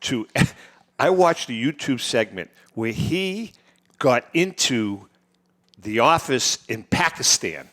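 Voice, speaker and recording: A man's voice: medium pitch, animated, takes it slowly, fairly bright tone. A man co-hosting a casual podcast chat, telling stories with lots of fillers and restarts. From United States. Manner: storytelling, chatty with frequent fillers and restarts. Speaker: podcast co-host.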